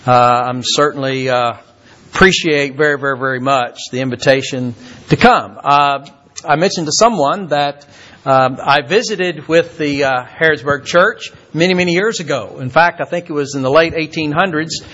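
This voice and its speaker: An older man from Kentucky, a visiting preacher who talks haltingly and repeats words, with many fillers. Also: on the high side, sharp tone, highs cut off. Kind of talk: sermon.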